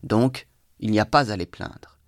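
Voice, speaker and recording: A man's voice: fairly low pitch, measured pace, no echo, studio quality, soft background music, lightly acted. A man reading as a feverish, bitter young intellectual. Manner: exalted, feverish monologue.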